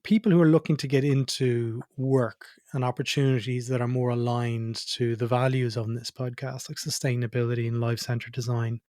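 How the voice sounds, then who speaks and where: Mellow-voiced male podcast host. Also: medium pitch, level tone, brisk, hardly any pauses, no room sound, clean studio sound. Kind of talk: podcast interviewing.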